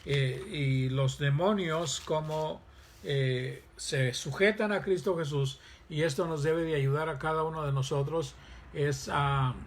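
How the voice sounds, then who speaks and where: A male pastor preaching a sermon, reading scripture aloud and pausing with fillers. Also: on the high side, slight background noise.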